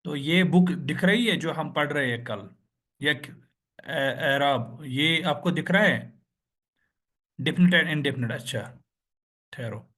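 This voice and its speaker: A man's voice: fairly high pitch, a bit bright. A man teaching an online Arabic grammar lesson, patiently drilling word endings and asking the class questions he answers himself. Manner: slow, patient, repeats and drills words.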